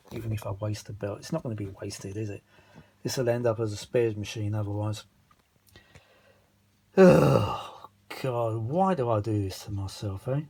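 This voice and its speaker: Low, gravelly and mellow with a slightly rough texture, the voice belongs to a tired man with a British accent who vlogs about repairing vintage audio gear. He talks casually and without a script, rambling, grumbling and mildly cursing as he gropes for words, clearly exasperated.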